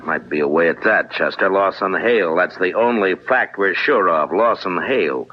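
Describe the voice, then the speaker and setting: An American actor playing a stern, fearless frontier marshal in a radio western, gruff, commanding and dryly sardonic. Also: male voice, deep voice, animated, moderate pace. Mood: resolute. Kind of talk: 1950s radio acting. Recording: muffled, noisy 1950s radio recording.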